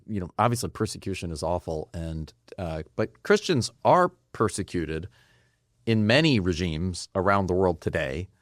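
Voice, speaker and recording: Host, male, very low voice, dry close recording, halting questioner. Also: dry recording. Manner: searching, halting questions with many fillers. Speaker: podcast host. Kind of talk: interview questions.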